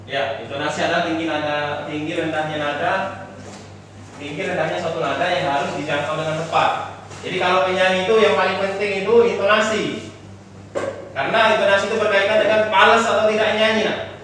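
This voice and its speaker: A man's voice: sits high, little pitch movement, brisk, sharp tone, a little hiss or hum. A man teaching a singing lesson in a classroom, explaining patiently and singing short examples and solfege. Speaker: music teacher. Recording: echoey classroom from far off.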